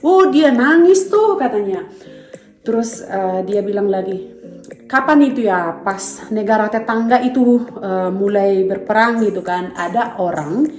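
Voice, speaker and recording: A woman's voice: medium pitch, unhurried, a little mellow, soft background music. A woman vlogger and mother telling a story to her viewers in a casual, rambling way, full of fillers. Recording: echoey room.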